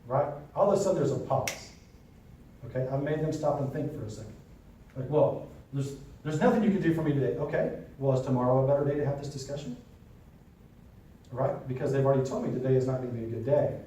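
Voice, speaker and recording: A man's voice: medium pitch, fast, long pauses, warm tone, distant mic. Man teaching a class in an echoey room. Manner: conversational, keeps checking in with the class. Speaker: real estate trainer. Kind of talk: classroom lesson with role-play.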